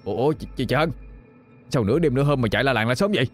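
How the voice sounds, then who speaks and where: A man's voice: mid-range voice, animated, faint music behind, pitched above the performer's own voice, natural voice. A man doing a hasty, startled young villager. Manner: hurried, startled questions.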